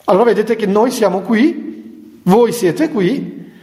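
A man's voice: high voice, slow pace, mellow. A man, a Franciscan friar, giving a conversational spiritual talk to nuns, chatty with humorous asides and chuckles. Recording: echoey hall with long reverb.

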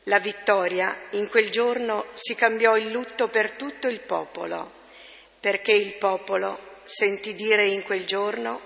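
A woman reads scripture at a slow, measured pace. Her voice is gravelly and bright. It carries a long church reverb. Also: mid-range voice, fairly even intonation. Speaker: lector. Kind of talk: scripture reading and psalm.

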